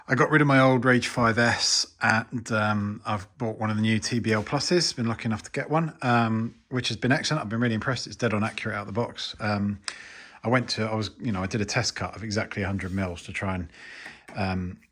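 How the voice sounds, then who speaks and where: Chatty low-voiced man vlogging. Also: fairly even intonation, brisk, fairly bright tone. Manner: self-deprecating, chatty. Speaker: DIY vlogger. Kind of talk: casual talk to camera.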